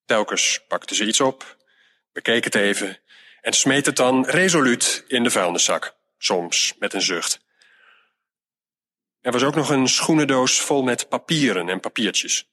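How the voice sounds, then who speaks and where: A man calmly reading a children's storybook aloud in an even narrating voice. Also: mid-range voice, measured pace.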